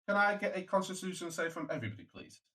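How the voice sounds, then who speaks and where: A man's voice: sits high, racing, sharp tone. A man running a tabletop game as game master, narrating casually with blunt, sweary joking.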